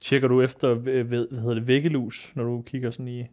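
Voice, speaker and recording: A man's voice: mid-range voice, flat delivery, mellow. A young man co-hosting a podcast, telling stories, teasing and swearing casually in a loose chat. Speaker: podcast co-host.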